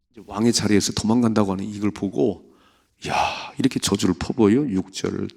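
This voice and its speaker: A man, a pastor from South Korea, giving an early morning prayer sermon, reading scripture and acting out the story's voices in an animated way. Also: fairly low pitch, vocal fry.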